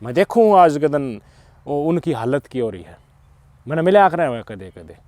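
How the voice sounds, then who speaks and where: As a channel host, this middle-aged Haryanvi-accented man lectures emphatically on social issues, alternating between shouting and mumbling under his breath. His voice runs on the high side with big pitch swings, at normal speed, and the recording has no room sound.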